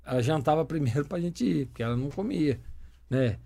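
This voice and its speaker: A man's voice: on the high side, a little fast, gravelly. A middle-aged Brazilian man, a former footballer turned broadcaster, chatting casually in an interview and telling stories with lots of swearing. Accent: Brazilian Portuguese. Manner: animated storyteller, swears freely.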